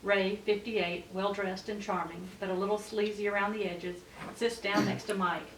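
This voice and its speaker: Here a woman with a medium-pitched, slightly bright voice voices the narrator's stage directions for a scripted table read, keeping a level tone at normal speed. It's captured on a distant mic in an echoey room with a little faint noise.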